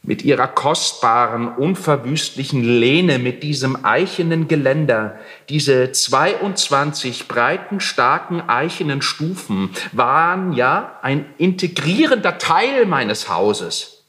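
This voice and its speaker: An old landlord, indignant and blustering, who hammers out his complaints, as a man voices him in a literary reading. He mostly drags his words out slowly and with heavy weight, with a voice full of movement. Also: medium pitch, animated, bright, forceful tone, big-room sound. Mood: outraged. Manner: scolding, blustering.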